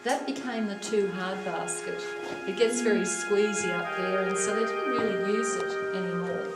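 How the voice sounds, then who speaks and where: A woman's voice: mid-range voice, fairly even intonation, moderate pace. An Australian woman guiding a cave tour, telling its history in a chatty, wry way, her voice ringing with cave echo. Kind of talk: guided tour talk. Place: inside a limestone show cave. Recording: echoey cave with loud music behind. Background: loud music.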